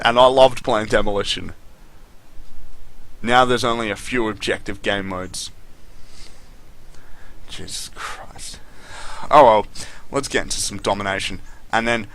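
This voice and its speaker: A man's voice: lowish voice, a bit bright. A man doing casual gameplay commentary, complaining and swearing in a disgruntled way. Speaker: gaming commentator.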